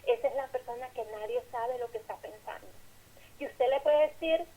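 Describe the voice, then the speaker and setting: Delivering an earnest, sermon-style lecture, a woman speaks in short, measured phrases and acts out the lines she quotes. Her voice is fairly high and mellow. The audio is lo-fi, a little like a phone.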